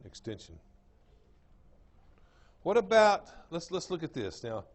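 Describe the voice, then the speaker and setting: A fairly high-voiced man with an East Texas drawl gives a classroom lecture. He repeats each term and keeps asking the room whether it makes sense. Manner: drawling, repeats terms, checks understanding with the class. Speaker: anatomy lecturer.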